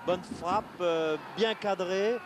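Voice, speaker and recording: Guy analysing a football match, voice a bit high, keeps repeating words, loud stadium noise. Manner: halting, repeats words while explaining. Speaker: co-commentator and analyst.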